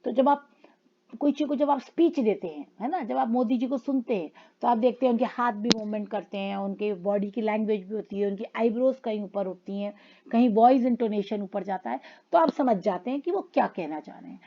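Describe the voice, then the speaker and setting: A woman teacher explaining a grammar lesson in a classroom style, calling her students children and reading examples slowly. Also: on the high side, muffled recording. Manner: addresses students as children, reads English lines slowly.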